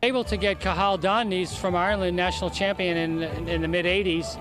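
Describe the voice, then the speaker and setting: A man's voice: high-pitched, steady tone, fairly quick. A man giving unscripted interview remarks outdoors as an event organizer. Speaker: festival organizer being interviewed. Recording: outdoor interview with music behind.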